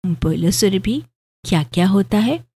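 A woman voicing a gentle, affectionate young husband who speaks in a calm, reasoning, gently lecturing way in a storybook reading. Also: medium pitch, unhurried, breathy edge. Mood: fond.

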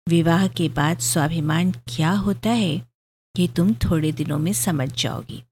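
A fond young husband, calm and reasoning as he gently lectures, read by a woman narrator in her own lowish voice. Steady and affectionate, a storybook figure. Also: measured pace, a little hiss or hum, natural voice.

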